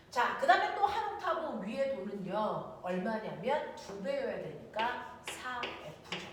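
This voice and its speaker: Female science teacher, highish animated voice, noisy recording. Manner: lively, checks in with students often. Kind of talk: classroom lecture. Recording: echoey room, distant mic, noisy.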